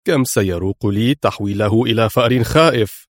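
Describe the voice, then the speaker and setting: A cool, wry young secret agent , read by a man in a spy audiobook. The voice is low and confident, recorded close and dry. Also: fairly quick, dry recording, close to an everyday voice. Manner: calm, wry.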